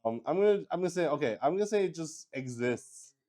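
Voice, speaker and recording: A man hosts a solo roleplaying game, casually improvising the narration; he halts, repeats himself and swears mildly, all in an excited way. His voice is on the high side.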